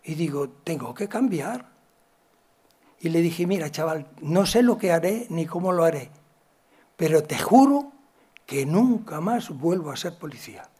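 A man from gives a talk, telling stories from his work as a psychologist and acting out the dialogue with big swings in loudness. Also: a little high, normal speed, husky. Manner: animated, acts out dialogue with shifts in loudness. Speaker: psychologist and educator giving a talk. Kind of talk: storytelling lecture.

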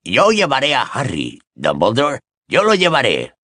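A man doing a gruff, insistent grown man. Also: medium pitch, wildly swooping pitch, a little slow, sharp tone, full character voice. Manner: insistent, coaxing.

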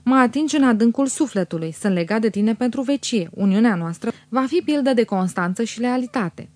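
A woman's voice: a little high, animated, a little mellow, dry recording, lightly acted. A woman reading an audiobook, voicing a scheming young husband who pleads theatrically and pities himself. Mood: theatrical pleading. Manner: theatrical, self-pitying, wheedling. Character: fawning scheming young married man.

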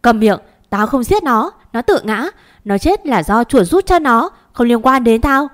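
A woman's voice: a little high, animated, a little fast, fairly bright tone. A woman voicing a vengeful, jealous young wife who screams accusations in a storybook reading. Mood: furious.

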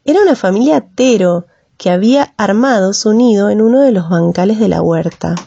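A woman narrating a children's story in a slow, gentle, lilting way, close to the microphone. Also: mid-range voice, expressive, creaky, slightly rough. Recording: slightly muffled dry recording.

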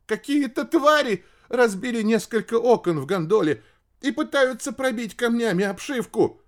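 A man's voice: high-pitched, lively intonation, brisk, a little mellow, pitched above the performer's own voice. A man voicing a nervous young male radio operator in an audiobook, talking in a shaky, frightened way. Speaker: audiobook character.

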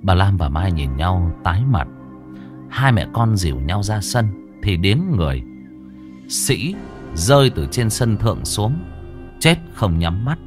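A man with a low voice narrates a ghost story in a dramatic, scripted reading. His pitch rises and falls widely as he lingers over gruesome details, and faint music plays quietly underneath. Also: very animated, measured pace.

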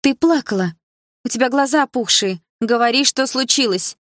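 A woman's voice: fairly high pitch, no room sound, voice pushed up, natural voice. A woman voicing an anxious, bossy young female friend who fires off worried questions and scolds. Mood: alarmed. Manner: agitated, scolding, fast questions.

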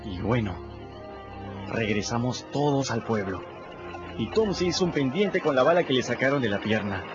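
This actor, sing-song and close to his everyday voice, speaks at normal speed and medium pitch. He plays a casual, plain-spoken runaway teenager recounting his own tale in a radio drama, heard through muffled audio with music.

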